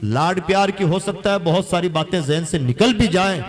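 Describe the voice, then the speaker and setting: Man, preacher, fairly high voice, earnest sermon, rhetorical questions. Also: normal speed. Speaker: Islamic preacher.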